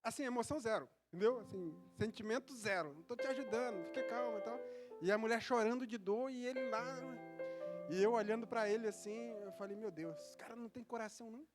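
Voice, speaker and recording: A high-pitched man delivers a sermon into a church microphone, moving from chatty, rambling storytelling to impassioned preaching. Instrumental music plays clearly behind him throughout. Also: brisk. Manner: conversational storytelling, rising to fervent preaching. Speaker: pastor.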